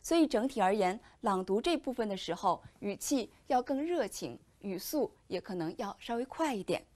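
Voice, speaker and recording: A woman teacher giving a recorded lesson, explaining in a clear, measured way. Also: mid-range voice, animated, darkish tone. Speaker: Chinese language teacher.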